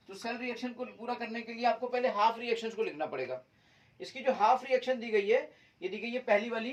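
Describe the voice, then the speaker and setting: A man's voice: high voice, distant mic, low-quality recording. A male chemistry teacher lecturing at a board, mixing Hindi with English terms and calling his students "beta". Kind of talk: whiteboard lecture. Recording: voice from away from the mic.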